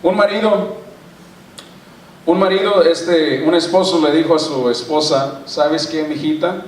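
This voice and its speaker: Joking preacher in an echoey church. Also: male voice, on the high side, a little slow, distant mic, a little hiss or hum. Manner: lively, joking preacher who involves the congregation. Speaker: pastor. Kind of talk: sermon with humorous stories. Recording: echoey church hall, mic from afar.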